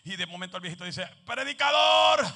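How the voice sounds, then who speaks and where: Gravelly high-voiced fervent evangelist man. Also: brisk. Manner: fervent, mixes in English phrases; shouted repeated refrains. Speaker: evangelist preacher. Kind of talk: fiery Pentecostal sermon.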